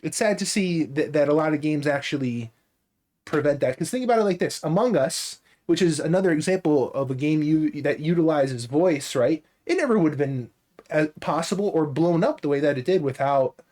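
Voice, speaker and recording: A man's voice: a little high, normal speed, a little mellow. A man co-hosting a casual podcast, talking at length with many restarts and fillers. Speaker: podcast co-host. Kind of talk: casual chat.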